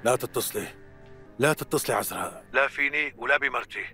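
A man's voice: medium pitch, a little fast, pushed and bright, faint music behind, lightly acted. A man in his forties with a Syrian accent, playing a tense, defensive married man in a dubbed TV drama. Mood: stern, tense. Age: 40s.

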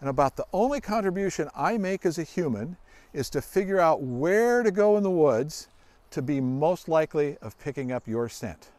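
Outdoors in a grassy forest clearing, a middle-aged search dog handler acts as guest presenter, giving children a casual, folksy demonstration with explanations and questions. His voice is slightly high, animated, and darkish at normal speed, with no echo.

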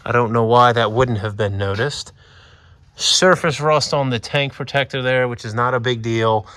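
A man in a car shop chats his way through a build, expressive and quick to poke fun at himself. His voice sits in a middle register and sounds close and dry, with little room echo. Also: medium pitch. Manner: chatty, expressive, self-mocking. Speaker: shop owner and channel host. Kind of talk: casual car-build vlog chat.

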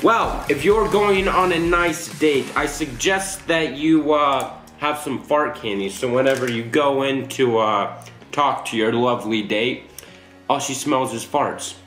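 Slow-talking teenage guy eating sour candy, echoey room. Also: medium pitch, a bit bright, soft background music. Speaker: vlog host. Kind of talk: casual challenge commentary. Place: small indoor room at home, seated at a table. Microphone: camera a short distance away. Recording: echoey room, distant camera mic.

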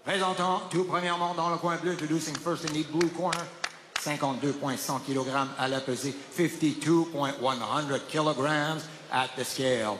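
A man's voice: on the high side, steady tone, moderate pace. A man working as a boxing ring announcer, with a formal, theatrical delivery that stretches out names and titles. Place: large indoor boxing arena, over PA. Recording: echoey arena PA, long reverb, faint noise.

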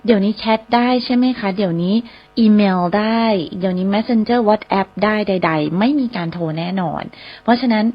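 A woman hosting a radio English lesson, spelling English words slowly letter by letter and repeating phrases for listeners. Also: mid-range voice. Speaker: radio host and English teacher. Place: radio studio. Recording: slightly dull radio broadcast sound.

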